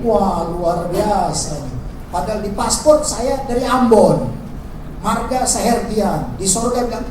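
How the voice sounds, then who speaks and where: A pastor preaching a lively sermon, acting out quoted lines in a raised voice. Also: male voice, sits high. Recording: echoey hall, distant mic, background noise.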